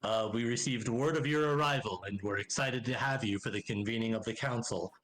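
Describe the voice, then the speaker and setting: A man voicing a stout, red-bearded dwarf paladin who greets travelers in a formal, booming way. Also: brisk, a bit bright, slight background noise, close to an everyday voice. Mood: welcoming.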